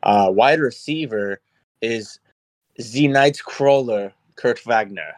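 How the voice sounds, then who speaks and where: A man's voice: mid-range voice, slow, dry recording. A man co-hosting a podcast in casual chat, playful and laughing often. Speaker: podcast co-host.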